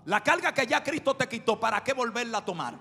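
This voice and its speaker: A male pastor preaching a sermon with impassioned shouting and storytelling. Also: extremely high pitch, animated, quick pace, creaky. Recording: reverberant hall with music behind.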